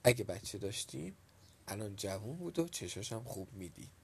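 A man voicing a wistful, gravelly old man. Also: fairly low pitch, sing-song, darkish tone, slight background noise. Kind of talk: storybook reading.

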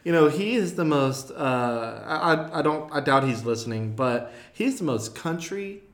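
A man's voice: on the high side, animated, unhurried. Joking man hosting in an echoey room. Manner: laughs often, joking, rambling restarts. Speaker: podcast host. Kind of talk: casual interview chat.

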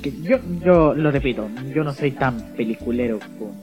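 A man's voice: mid-range voice, moderate pace, over music. A young Chilean man co-hosting a casual podcast, rambling and hesitant as he searches for a film to recommend. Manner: hesitant, rambling, laughs at himself. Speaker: podcast co-host. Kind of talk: casual chat.

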